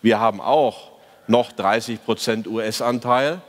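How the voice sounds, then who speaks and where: A man speaks on stage at a conference, reviewing the stock market in an opinionated, ironic way. He hesitates often with fillers. His mid-pitched voice rings with the long reverb of a large hall. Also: measured pace. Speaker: fund manager giving a market review. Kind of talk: conference talk.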